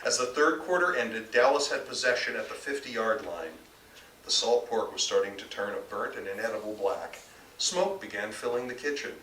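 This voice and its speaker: An American author reads his novel aloud to a bookstore audience, his mid-range voice carrying a fairly bright tone. The live recording is roomy and distant, captured indoors with faint background noise.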